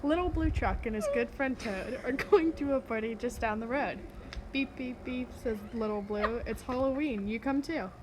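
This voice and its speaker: A teacher reading a picture book aloud, her voice pitched a little high with a sing-song storytelling lilt. She speaks over a clearly audible hiss of background noise. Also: moderate pace, few pauses. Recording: noisy home recording.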